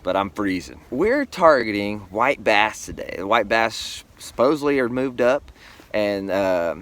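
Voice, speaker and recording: A man's voice: fairly low pitch, very animated, measured pace, a bit bright. A man chatting casually to his vlog viewers as a laid-back, folksy angler, speaking from behind a face shield outdoors in a kayak. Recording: noisy outdoor river recording.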